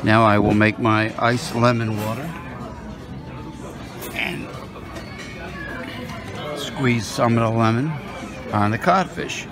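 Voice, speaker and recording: With music and crowd noise around him, a man films himself on his phone while walking through a buffet, musing about the food with lots of fillers. This food vlogger's mid-range voice is slow, and he pauses often in his casual narration.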